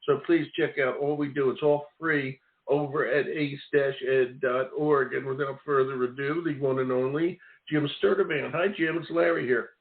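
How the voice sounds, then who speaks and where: A man's voice: medium pitch, fairly even intonation, normal speed, hardly any pauses. An older man hosting a radio education talk show, chatting casually and rambling in a loose, friendly way. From Maine. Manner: chatty, rambling, laughs easily. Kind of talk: casual radio interview chat. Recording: tinny phone-line audio.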